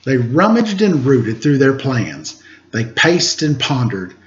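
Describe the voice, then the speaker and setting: A man with a medium-pitched, very animated voice reads a children's picture book aloud slowly at storytime, like a teacher. He drops casual asides to his listeners along the way. The home recording sounds roomy, dull and faintly noisy.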